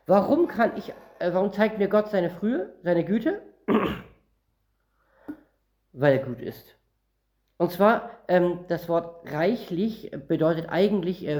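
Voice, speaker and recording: This northern German man speaks in a fairly high, mellow voice. He is preaching a sermon that teaches the Bible, reading out verses and explaining each word in a relaxed, conversational manner.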